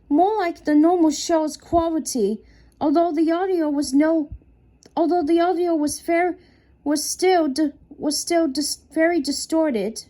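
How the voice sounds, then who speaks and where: A woman narrating a horror story in a halting way, with frequent restarts. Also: high voice, dark tone. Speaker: creepypasta narrator. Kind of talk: unscripted horror story reading.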